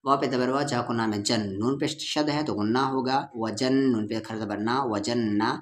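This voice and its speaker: A man's voice: medium pitch, steady tone, normal speed. A man with an Urdu-Hindustani accent teaching Quran reading, patiently spelling out syllables and drawing out the vowels. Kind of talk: letter-by-letter recitation lesson.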